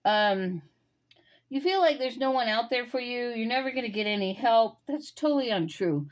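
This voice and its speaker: A woman giving an intuitive tarot reading, musing and talking straight to the listener with pauses and fillers. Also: a little high, lively intonation. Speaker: tarot reader.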